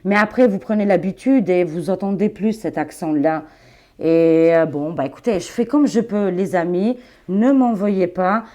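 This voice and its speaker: A woman in her forties speaks with an Albanian accent, holding a casual, rambling chat with her viewers. Her voice sits a bit low and sounds mellow. She laughs often and fills her sentences with asides. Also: moderate pace. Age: 40s. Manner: chatty, laughing, addresses viewers as friends, many fillers. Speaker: tarot reader and channel host.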